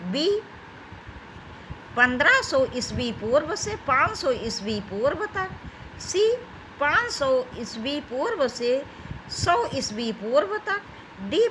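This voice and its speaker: A woman's voice: high-pitched, background noise. A woman teaching an exam-prep grammar lesson, reading out questions and options and addressing her students as children. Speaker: Hindi teacher.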